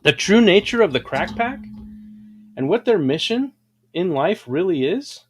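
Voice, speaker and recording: A man's voice: sits high, sing-song, a little slow, a little hiss or hum. A man hosting a livestream, telling grand, boastful stories in a dramatic, preachy way. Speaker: livestream host. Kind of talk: grandiose motivational storytelling.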